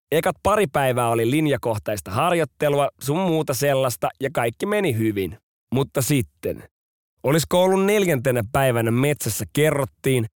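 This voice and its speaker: A man's voice: mid-range voice, no echo, clean studio sound. A man hosting a storytelling podcast, narrating in a casual, slangy way.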